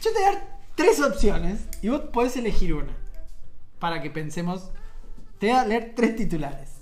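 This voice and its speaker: A woman's voice: mid-range voice, moderate pace, faint music behind. A woman with an Argentine accent hosting a radio show, chatting casually and reading out listener messages. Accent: Rioplatense Argentine Spanish. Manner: lively, reads out listener messages. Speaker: radio host.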